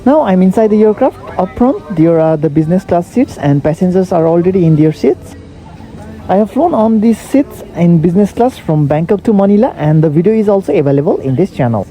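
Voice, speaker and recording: A woman's voice: lowish voice, expressive, brisk, mellow, soft background music, poor audio. A woman narrating a travel vlog in a plain, matter-of-fact, scripted way. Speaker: travel vlogger.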